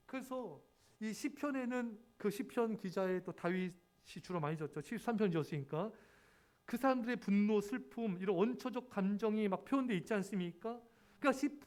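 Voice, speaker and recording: High-voiced earnest Korean pastor preaching. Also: male voice, a little mellow. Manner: earnest, repeats key words, addresses congregation often. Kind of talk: sermon. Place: church sanctuary.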